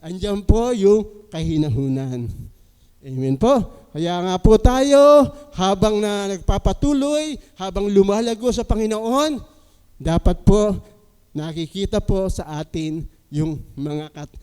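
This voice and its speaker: High-voiced pastor in a reverberant church. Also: male voice, a little mellow, smooth. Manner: asks the congregation questions, polite and engaging. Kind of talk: sermon. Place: church sanctuary. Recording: long church hall reverb.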